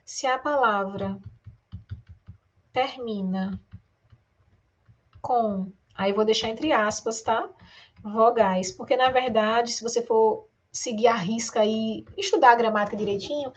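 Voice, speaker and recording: A fairly high-voiced Brazilian woman teaching exam-prep grammar. She draws words out slowly, syllable by syllable, and keeps asking her students questions as she goes. Her delivery is lively and direct. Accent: Brazilian Portuguese. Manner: addresses students directly, asks rhetorical questions.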